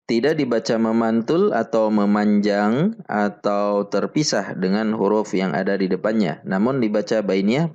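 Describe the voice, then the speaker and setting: A man teaching Quran recitation rules step by step, slowly repeating each syllable for drill. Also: darkish tone. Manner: chants the Arabic verses in a higher, fuller voice. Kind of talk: slow step-by-step tajwid lesson.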